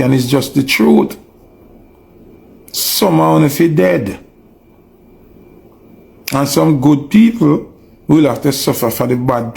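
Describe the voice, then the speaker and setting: Gravelly Jamaican man ranting. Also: a little high, a little mellow. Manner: preachy, emphatic, fires repeated rhetorical questions. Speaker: online commentator. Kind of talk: ranting monologue.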